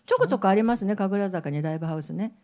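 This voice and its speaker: A woman's voice: medium pitch, rapid-fire, mellow. A woman singer hosting her band's live stream from a small music club, chatting casually between songs, laughing often and teasing her bandmate. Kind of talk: casual onstage banter.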